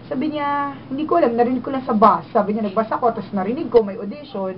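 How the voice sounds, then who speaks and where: Animated Filipino woman telling her story. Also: on the high side, quick pace. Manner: animated, switches between Tagalog and English. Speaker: radio DJ guest. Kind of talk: candid storytelling interview. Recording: dull lo-fi sound with clear noise.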